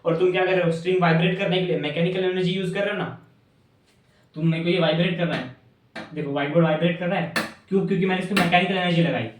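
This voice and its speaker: A man's voice: high-pitched, steady tone, racing, distant mic. Man teaching in a very echoey room. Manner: playful, asks and answers his own questions, calls students "bhaiya". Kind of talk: animated classroom explanation. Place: classroom with a whiteboard. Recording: very echoey room, voice a bit off-mic.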